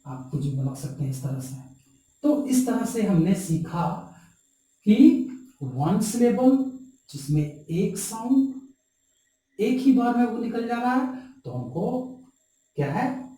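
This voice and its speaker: A man teaching a grammar lesson, explaining slowly and spelling words out letter by letter. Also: sits high, warm tone. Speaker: English teacher. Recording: very echoey room, voice from far off the mic.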